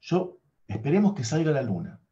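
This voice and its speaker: A man's voice: on the high side, sing-song, moderate pace, warm tone. A man doing a clever, brave young boy. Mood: reassuring. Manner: earnest and reassuring. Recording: dull lo-fi recording.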